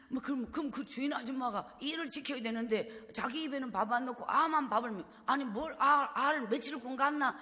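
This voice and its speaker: A woman evangelist preaching a revival sermon in a church, telling a personal story with deep emotion and dropping to a hush. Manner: emotional storytelling, dropping to hushed, breathy tones. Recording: reverberant church hall.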